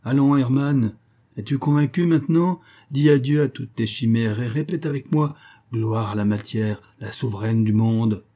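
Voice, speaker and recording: A man's voice: fairly low pitch, a little slow, dark tone, husky. A man voicing a grieving old male professor who is obsessed with matter, with a mournful, brooding way of speaking in a storybook reading. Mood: fierce.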